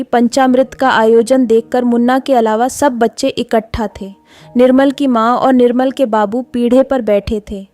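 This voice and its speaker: A woman reading a classic short story aloud in a steady storytelling manner. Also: on the high side, dry recording. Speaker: narrator.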